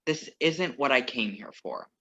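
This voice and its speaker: In a staged play reading held over a video call, a man plays a composed, wry ex-lover who crashes a wedding, his mid-range voice bright, forceful, and lively in intonation. The performance is heavily acted yet earnest, measured, and wry, and the call audio is muffled.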